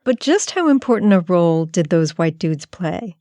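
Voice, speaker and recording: A woman hosting a documentary podcast, narrating in a measured, reflective storytelling manner. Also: lowish voice, sing-song, mellow, no room sound, clean studio sound. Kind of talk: scripted narration.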